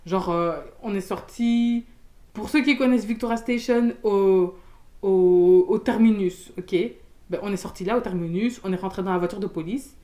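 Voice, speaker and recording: A young woman from Belgium, telling a storytime in casual slangy chat, loud and expressive, acting out the people in her story. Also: mid-range voice, moderate pace. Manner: casual slangy talk with many fillers.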